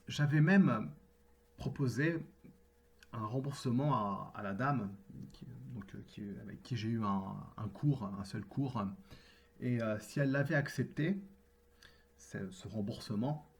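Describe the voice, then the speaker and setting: Male French tutor, husky mid-pitched voice, formal, measured delivery. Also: a little mellow. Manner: formal, measured, deliberate with pauses. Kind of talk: scripted personal address to camera.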